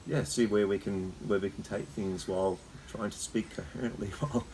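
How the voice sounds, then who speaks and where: An Australian man talking casually and haltingly as host, with a slight cold shiver in his voice as he sits in icy water. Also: on the low side, steady tone, darkish tone, slight background noise, rough recording. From Queensland, Australia. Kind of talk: casual unscripted talk. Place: sitting in a freezer full of icy water.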